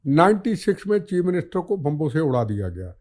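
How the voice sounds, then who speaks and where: A man's voice: fairly high pitch, very animated, fairly quick, darkish tone. An older man speaking as a podcast guest, fiery and declamatory, hammering his points home with repeated phrases. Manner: fiery, declamatory, repetitive rhetoric. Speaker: podcast guest, former minister. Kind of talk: impassioned political talk.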